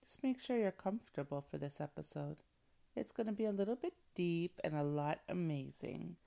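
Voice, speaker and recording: A woman hosting guided breathing in a soothing, intimate coaching manner, her soft voice often dropping toward a breathy near-whisper. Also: lowish voice, animated, normal speed. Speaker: host of a wellness show. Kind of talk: guided breathing and relaxation talk.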